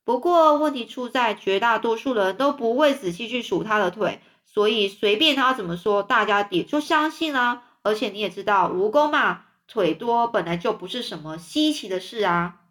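A woman's voice: on the high side, animated, normal speed, few pauses, fairly bright tone. Woman voicing a grumpy indignant earthworm. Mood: grumbling. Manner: complaining, indignant. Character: grumpy blind earthworm, touchy and proud.

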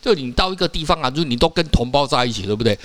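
Taiwanese man, casual co-host, bright quick delivery, lively, salty storyteller. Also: mid-range voice, a little hiss or hum. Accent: Taiwanese Mandarin. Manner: animated storyteller, laughs often, frequent "哈" and "哦" particles; rough-talking, swears casually. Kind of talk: casual podcast chat.

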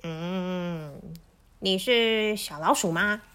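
A woman voicing an arrogant male goose in a children's story, speaking in a condescending, drawn-out way. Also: fairly low pitch, a bit bright, smooth. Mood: haughty.

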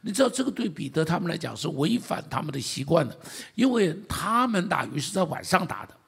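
Taiwanese Mandarin-accented male pastor, gravelly voice, animated sermon delivery that keeps questioning the crowd. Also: on the high side, a little fast. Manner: animated preaching, asking the congregation questions.

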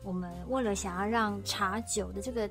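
A young woman who voice-acts in and co-hosts a radio drama chats casually about it, giggling and laughing often. Her mid-range voice is fairly bright and steady in tone, moving at a normal speed, with music in the background.

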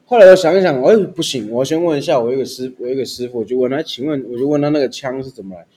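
A man's voice: medium pitch, rapid-fire, warm tone. A man hosting a casual podcast chat, joking and laughing easily. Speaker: podcast host.

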